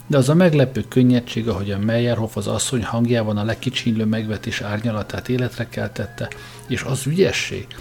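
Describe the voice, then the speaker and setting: A man narrates a story in a measured, fairly low voice. The reading is steady and scripted. Faint music runs under it. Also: gravelly. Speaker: audiobook reader.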